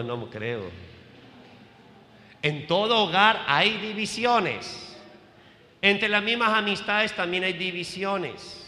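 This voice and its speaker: Male priest preaching; high, sharp, forceful voice, animated and joking with the congregation, in an echoey church. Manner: animated preaching, questions to the congregation, humorous asides. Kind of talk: sermon. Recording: echoey hall.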